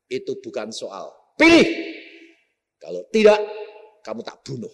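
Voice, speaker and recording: A man voicing a stern male sorcerer teacher who threatens his pupil, in a loud, commanding voice. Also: lowish voice, brisk, breathy edge, pitched below the performer's own voice. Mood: stern, threatening. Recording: long hall reverb.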